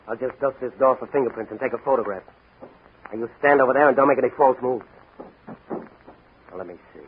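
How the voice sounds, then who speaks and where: On a crackly, narrow-band 1940 radio recording, a man plays a tough, confident young masked crimefighter in a radio drama. He has an American accent, and his natural mid-range voice moves fairly quickly, sounding commanding, wry, brisk, and self-assured.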